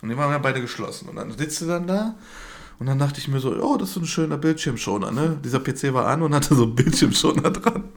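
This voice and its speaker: A man's voice: medium pitch, quick pace. A man chatting casually with his partner, telling a story and acting out what people said. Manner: animated storyteller acting out quoted voices. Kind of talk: casual chat.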